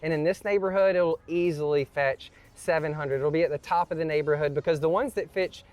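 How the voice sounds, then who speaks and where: The host's voice is fairly high yet darkish, with a steady tone and a fairly quick pace. Breathless after climbing, this real estate presenter walks through a house, cracking jokes and talking at length about prices and renovation costs.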